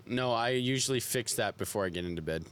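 A young man co-hosting a podcast, telling stories in a relaxed, joking way. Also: mid-range voice, fast talker, slight background noise. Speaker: podcast co-host. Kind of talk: casual chat.

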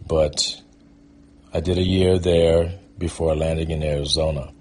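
This Michigan man, middle-aged and a guest storyteller and performing artist, casually reminisces about his own life in a reflective, conversational way. He speaks with an extremely low, darkish voice, flat in delivery and unhurried.

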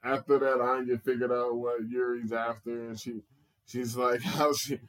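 A man's voice: medium pitch, flat delivery, normal speed, fairly bright tone. A man co-hosting a podcast, recapping an anime episode in casual chat and laughing as he retells scenes. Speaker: podcast co-host.

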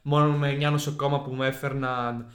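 A man's voice: mid-range voice, little pitch movement, echoey room. A young man telling a story in a slangy, rambling way on a casual podcast.

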